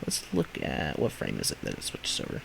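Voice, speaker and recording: A man's voice: very deep voice, wildly swooping pitch, a little fast, creaky, a bit bright, slight background noise, low-quality recording. A man hosting a reaction video, talking back at clips in indignant, emphatic rants. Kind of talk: reaction commentary.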